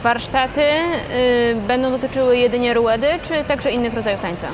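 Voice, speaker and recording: A woman TV interviewer with a fairly high voice puts short, brisk questions to her guests. She sits on a studio set in a shopping mall. Clear background noise is heard behind her.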